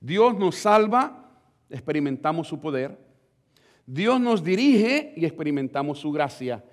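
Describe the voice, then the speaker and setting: A male pastor preaching a fervent sermon to his congregation, swinging between loud and hushed lines. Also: a little high, very animated, a little slow. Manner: addresses the congregation directly.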